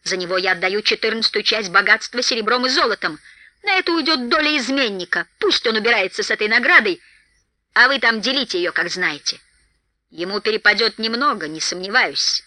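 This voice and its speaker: A woman voicing a proud, wrathful male dwarf king who shouts and growls harshly in an audiobook. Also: a little high, expressive, fairly quick, no echo. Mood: bitter proclaiming.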